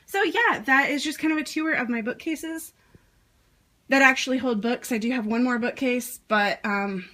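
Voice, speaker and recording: A woman's voice: high voice, normal speed, pushed and bright. A young woman chatting casually while giving a home tour for her vlog, with plenty of fillers and a rambling way of talking. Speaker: vlogger.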